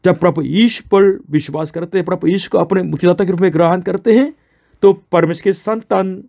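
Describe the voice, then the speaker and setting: A man preaching a sermon with a fairly high voice and a dark, mellow tone. He is earnest and explains as he goes, often asking a question and then answering it himself. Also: vocal fry.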